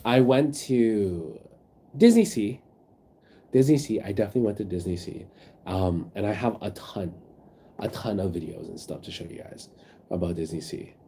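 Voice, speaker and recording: A man's voice: fairly low pitch, normal speed, warm tone, husky. Sick, sniffly man chatting on stream. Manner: rambling, reads chat aloud, many fillers. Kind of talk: casual chat with viewers. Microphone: phone.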